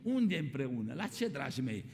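Gravelly preacher guy, sermon in a big echoey church, keeps saying my dear ones. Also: medium pitch, big pitch swings, a little mellow. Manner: repeats "my dear ones", asks the congregation questions. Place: church hall. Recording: long reverb of a church hall.

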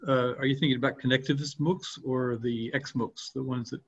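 Husky older man hosting a video call. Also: medium pitch. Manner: relaxed, questioning, with thinking pauses. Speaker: host of an open online discussion. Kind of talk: casual video-call discussion. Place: home room. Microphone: laptop webcam mic on a video call. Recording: dull, lo-fi video-call audio.

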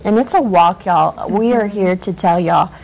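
A woman's voice: mid-range voice, measured pace, gravelly, darkish tone, low-quality recording. A woman hosting a casual faith talk, speaking earnestly. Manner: earnest, preachy. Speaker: host.

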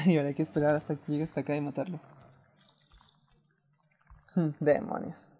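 A man's voice: fairly high pitch, fairly even intonation, a little fast, mellow, husky. A man with a Latin American Spanish accent giving casual, hesitant, self-doubting commentary as he streams a video game.

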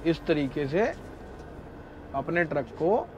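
On the high side and slow, this Indian man's voice comes through with the highs cut off and soft music underneath. He's an animated trucker vlogger casually chatting to viewers as brother, moving from truck cab to snowy outdoor yard.

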